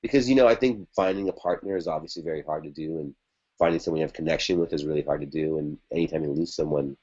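A man's voice: very deep voice, fast, darkish tone, husky, highs cut off. A man, a podcast guest, telling a personal story in casual chat, with a lot of fillers and restarts. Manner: rambling, conversational, many fillers and restarts. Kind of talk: casual storytelling about a past relationship.

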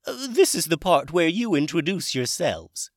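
A high, airy old dragon wizard, genial and a little eccentric, chatting loudly with lively swoops in pitch. It sounds close and dry, storybook style. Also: male voice, normal speed, no room sound.

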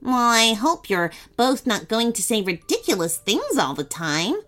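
A woman's voice: high voice, wildly swooping pitch, a little slow, sharp tone, voice pushed up, exaggerated voice. A woman voicing a snooty, rude female cookie in a storybook, haughty and abrupt.

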